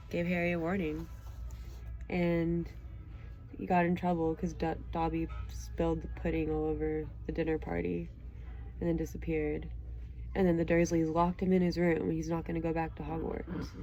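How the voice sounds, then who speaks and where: Reading stories expressively and then chatting casually about them with a child listener, this audiobook reader and show host has a fairly low voice with a dark tone. The recording quality is low.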